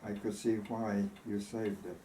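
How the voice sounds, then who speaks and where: A gentle, thoughtful male war veteran in a storybook romance, read by a man. He speaks very slowly in a mellow voice, with the echo of a room around him. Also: on the low side, little pitch movement, natural voice. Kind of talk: storybook reading. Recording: roomy echo, faint background noise.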